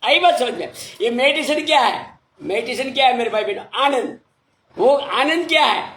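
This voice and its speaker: High-voiced man, humble, in an echoey room. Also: expressive, a bit bright, slight background noise. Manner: slow letter-by-letter spelling, repeated thanks; humble and apologetic. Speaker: meditation teacher. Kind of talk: casual talk reading viewer comments.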